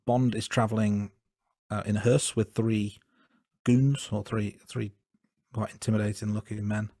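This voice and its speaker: A man's voice: on the low side, creaky, warm tone, dry recording, clean studio sound. A man co-hosting a film podcast, wry and self-deprecating, with frequent ums. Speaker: podcast co-host. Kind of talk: casual film review chat.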